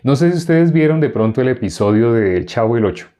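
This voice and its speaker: A man's voice: medium pitch, lively intonation, mellow. A man teaching an interactive Bible class. He repeats verses and keeps asking the group questions. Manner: repeats verses slowly, chuckling now and then.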